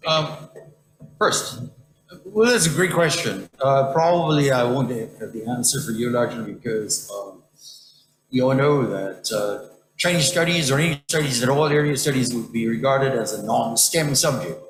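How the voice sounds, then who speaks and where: A man lecturer answering an audience question in an academic Q&A, talking emphatically with wide swings in pitch. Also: moderate pace. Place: lecture hall. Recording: echoey hall.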